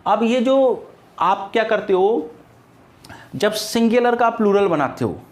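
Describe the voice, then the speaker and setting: A man's voice: high voice, lively intonation, slow pace. A man from India teaching an English grammar lesson, patient and repetitive, spelling words out letter by letter.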